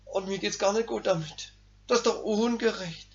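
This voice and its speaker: A man's voice: sits high, moderate pace, vocal fry. A man doing a whiny self-pitying old ego. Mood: whining. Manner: whimpering, complaining. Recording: dull lo-fi recording.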